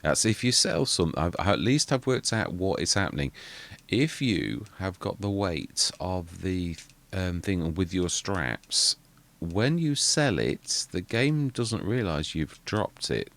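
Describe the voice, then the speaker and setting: Rambling casually about a farming game, this male gaming channel host mutters asides and keeps correcting himself mid-sentence. His quiet voice is low-pitched and creaky, with big pitch swings, and he takes it slowly.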